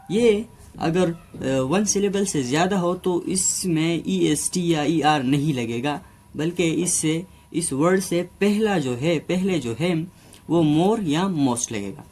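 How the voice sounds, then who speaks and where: A man teaching grammar in a slow, deliberate classroom manner, drawing words out syllable by syllable, with fillers and frequent check-ins, and speaking words. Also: on the high side, a little mellow.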